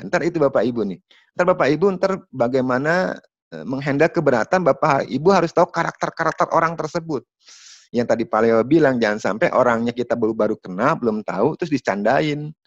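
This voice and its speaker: A man running an online sales training from home, explaining in a lively, chatty way and talking straight to the participants. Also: medium pitch, a little fast. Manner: lively, chatty, addresses participants as Bapak Ibu. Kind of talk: online training talk over video call. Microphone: video call. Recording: dull, dry video-call audio.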